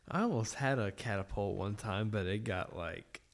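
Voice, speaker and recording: Slow, low-voiced man in loose chat. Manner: laid-back, swears, trails off with fillers. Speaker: podcast co-host. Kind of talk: casual chat.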